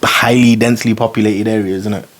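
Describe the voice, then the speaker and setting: A man hosting a casual podcast chat, telling stories with lots of slang and swinging between hushed and excited. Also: fairly low pitch, quick pace. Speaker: podcast host.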